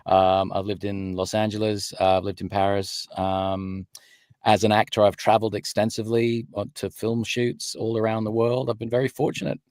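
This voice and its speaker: Lively middle-aged Englishman, low dry voice. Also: no echo. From London, UK. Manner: lively, quick to laugh, joking. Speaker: guest. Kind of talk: casual livestream chat. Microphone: studio mic with pop shield.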